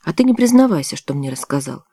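A narrator reading the lines of a calm, matter-of-fact adult male journalist in an audiobook. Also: a little high, fast talker, slightly rough, no room sound, clean studio sound, full character voice.

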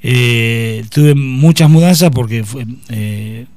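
A slow, mid-range male voice with a darkish tone, recorded dry. He's in his fifties with an Argentine Spanish accent, recounting his life story as a guest in a casual interview, hesitating and restarting often.

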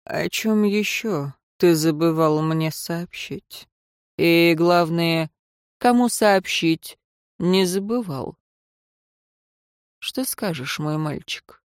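A stern, cold royal councillor, put on by a woman narrating an audiobook. He questions slowly and coldly, a little below her usual pitch. The sound is close and dry. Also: fairly even intonation, a little mellow, smooth, dry recording. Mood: coldly interrogating. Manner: slow, cold, interrogating.

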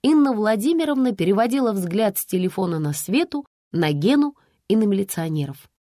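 A woman narrating a story aloud in an expressive storytelling style. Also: mid-range voice, a little fast, dry recording, studio quality. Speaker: audiobook narrator.

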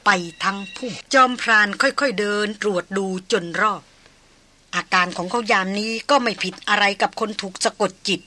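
A woman reading a novel aloud in steady, measured narration. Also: mid-range voice, slight background noise. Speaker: audiobook narrator.

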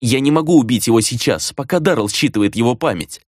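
A man's voice: medium pitch, lively intonation, fast, darkish tone, husky, no room sound, clean studio sound. Narrator guy doing a shaky young apprentice, guilty but set on it, voice trembling. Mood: resigned. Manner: strained, apologetic, voice trembling. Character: young male apprentice necromancer, guilt-ridden and resolved.

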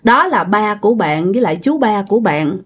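A woman's voice: medium pitch, expressive, a little fast, slightly rough. A woman with a Southern Vietnamese accent telling a ghost story in a casual, chatty way, speaking directly to her listeners. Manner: chatty, addresses listeners directly, many tag particles.

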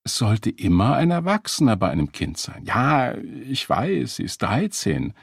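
A man's voice: medium pitch, very animated, measured pace, creaky, slightly rough, no room sound, clean studio sound, voice pushed up, full character voice. A man playing a smug, preachy lecturer. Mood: lecturing. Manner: preachy, coldly reproachful. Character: smug, controlling man lecturing his date.

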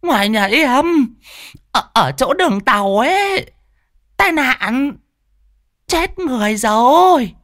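A woman playing panicked village woman, out of breath, stammering, slow halting words, higher voice. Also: animated, fairly bright tone, no echo, studio quality, exaggerated voice. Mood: breathless. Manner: gasping, stammering repeats.

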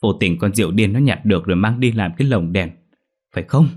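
A man voicing an older village neighbor woman who exclaims and gossips loudly. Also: lowish voice, fast, slightly rough. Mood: loud gossipy. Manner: loud, exclaiming, chattering.

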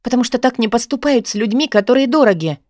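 A lovesick young woman, voiced by a woman narrator, pleading in a high, emotional, raised voice. She sounds desperate and insistent. The audio is close and dry. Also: lively intonation, fast talker, a little mellow, no room sound, natural voice.

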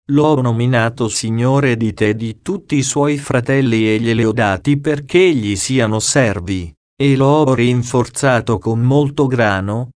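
A man reading scripture aloud in a slow, solemn, measured way. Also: mid-range voice, darkish tone, dry recording, clean studio sound. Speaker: audiobook reader.

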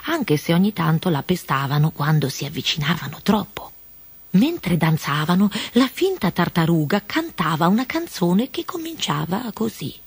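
A woman reading a children's fairy tale aloud with expressive, measured narration. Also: fairly low pitch, husky, dry recording. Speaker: storyteller. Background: music.

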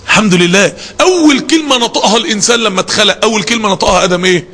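Egyptian male preacher, high quick and sharp voice, passionate rhetorical sermon, reverberant hall. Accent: Egyptian Arabic. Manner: rhetorical questions, emphatic, passionate.

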